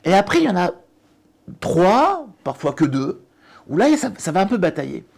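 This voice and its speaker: Man explaining with lively restarts. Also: high voice, normal speed, gravelly, breathy edge. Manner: hesitant restarts, lively emphasis. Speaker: test-prep director and author. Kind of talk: explanatory interview answers.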